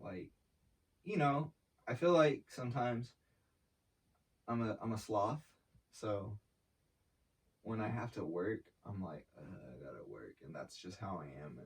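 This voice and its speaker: A young man, talking casually in an interview in a laid-back, slangy way. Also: lowish voice. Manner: laid-back slangy talk, swearing, filler-heavy. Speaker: artist and brand founder. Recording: voice from a distance off the mic.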